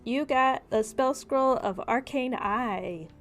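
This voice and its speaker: Over music, a woman serving as game master narrates a tabletop game in a casual way and goes through its rules. Her voice sits high and she speaks at a slow pace.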